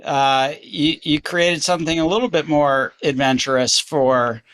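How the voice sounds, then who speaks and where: A man's voice: on the high side, steady tone, a little slow, a bit bright, clean tone. A man hosting a podcast interview, asking questions and offering encouraging comments. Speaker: podcast host. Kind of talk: casual interview chat.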